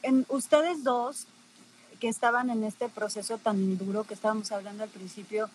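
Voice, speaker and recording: A woman's voice: fairly high pitch, fairly even intonation, normal speed, slight background noise, low-quality recording. A woman podcast host, interviewing a guest with long, meandering questions full of restarts. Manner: probing, rambling questions with restarts. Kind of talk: conversational interview.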